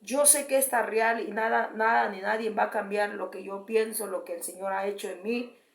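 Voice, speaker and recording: A woman's voice: mid-range voice, fairly even intonation, vocal fry. A woman giving a fervent testimony sermon, often repeating her address to the congregation and restarting phrases. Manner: repeats "beloved brethren", halting restarts. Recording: roomy echo.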